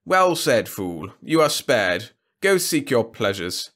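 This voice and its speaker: A man voicing a haughty male alien emperor who speaks in a slow, commanding manner. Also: mid-range voice, sing-song, fairly bright tone. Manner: haughty, commanding, drawn-out delivery.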